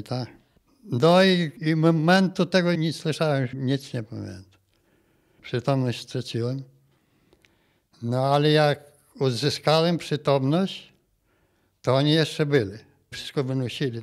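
A man in his eighties from Volhynia, giving his testimony in an interview in a plain, halting way and often ending phrases with a quick tag question. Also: medium pitch. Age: 80s. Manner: plain halting telling, tags phrases with "nie?". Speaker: interviewee, massacre survivor. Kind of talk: recounted personal testimony.

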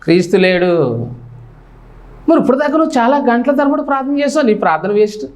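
A male pastor preaching a sermon, with animated emphasis that rises and drops sharply. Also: extremely high pitch, fast.

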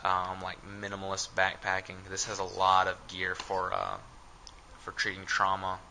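A young man casually tours his camping gear on a head-mounted camera in a small room, hesitating with lots of ums and uhs. His deep voice is monotone at a normal speed, with a pushed, bright edge. Slight background noise can be heard.

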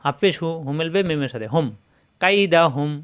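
A man teaching Quran recitation, spelling out syllables slowly and then chanting the verses drawn out. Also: on the high side, a bit bright, clear, resonant tone.

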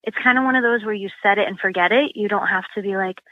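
A woman's voice: mid-range voice, fast talker, no echo, narrow, tinny audio. A woman guest explaining catfish rigs and bait in a casual, practical way, full of ums and you-knows. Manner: chatty, practical, many fillers like um and you know. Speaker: guest, sponsored catfish angler.

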